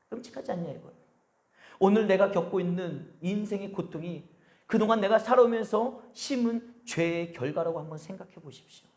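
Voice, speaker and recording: A male pastor delivers a Sunday sermon in a notably high voice. His pitch swings widely as he drives home point after point. He keeps firing rhetorical questions at the congregation and stretches out the words he wants to land. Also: a little mellow. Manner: slows and stresses key phrases. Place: church service.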